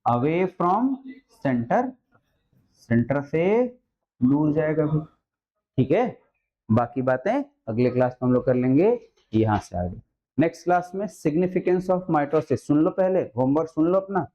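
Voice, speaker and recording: A man's voice: a little high, very animated, slow pace, muffled recording. A male biology teacher giving a classroom lecture, coaxing and constantly quizzing his students with questions. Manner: calls students "beta" and "mere lal".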